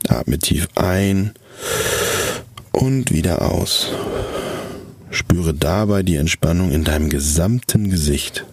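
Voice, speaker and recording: Man, very low-pitched, slightly husky, soft-spoken, calm guided relaxation narration, soothing measured instructions. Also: no room sound.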